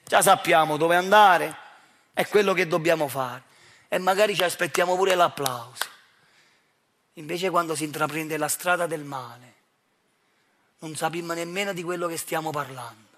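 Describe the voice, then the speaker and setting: Here a Neapolitan-accented actor delivers a monologue he wrote himself, challenging the audience directly through accusatory rhetorical questions. He speaks at a normal pace, pausing often, in a slightly high and fairly bright voice.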